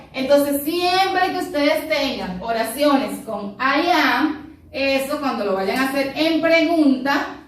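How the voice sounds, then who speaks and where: Woman English teacher, high voice, step-by-step explainer, heard from across a booming, echoey room. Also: fairly bright tone, far from the mic. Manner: explains step by step, checks in with "ok?" after each point. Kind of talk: recorded classroom lesson.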